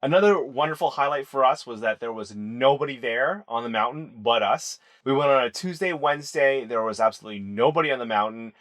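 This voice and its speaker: A man's voice: medium pitch, lively intonation, a little fast, hardly any pauses. A young adult man co-hosting a travel vlog, telling the story plainly and easily. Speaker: vlog co-host. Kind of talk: casual vlog narration. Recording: voice with loud background music.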